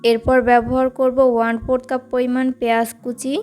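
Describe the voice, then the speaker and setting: A woman hosting a cooking channel, giving steady step-by-step recipe narration as a voice-over. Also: fairly high pitch, brisk, clean tone, faint music behind. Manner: steady instructive step-by-step delivery.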